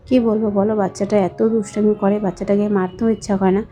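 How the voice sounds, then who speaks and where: A young woman with a hoarse voice from a cold, chatting slowly and softly to her viewers in a voice-over for her home vlog. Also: mid-range voice, flat delivery. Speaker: vlogger, housewife.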